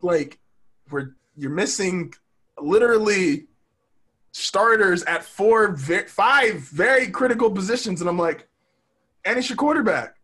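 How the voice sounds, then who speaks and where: A man co-hosting a casual podcast, his voice sitting a little high and swinging widely as he rants. He talks in excited bursts and swears freely. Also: unhurried, breathy edge. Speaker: podcast co-host. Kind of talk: casual chat.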